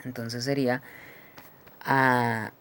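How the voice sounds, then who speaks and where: A man teaching English phonetics, who explains each symbol slowly and keeps checking with "¿sí?". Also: medium pitch, level tone, fairly bright tone, clean tone. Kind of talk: phonetics lesson.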